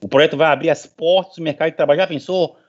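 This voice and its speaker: Talking fast with fairly even intonation, this middle-aged professor has a slightly high voice. He gives an informal, motivational talk to an online meeting, stressing points by repeating phrases, and the call audio is dull and lo-fi.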